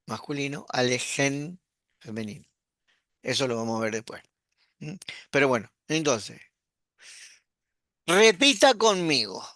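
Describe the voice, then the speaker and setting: Patient man teaching, bright dry voice. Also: medium pitch, no echo. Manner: patient, explanatory, repeats words slowly. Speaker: pastor teaching a Hebrew class. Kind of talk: online class lesson.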